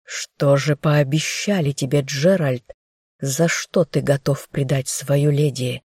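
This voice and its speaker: A woman voicing a stern male general and dark mage, fierce and commanding. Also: on the low side, slow pace, no room sound, studio quality. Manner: commanding, furious.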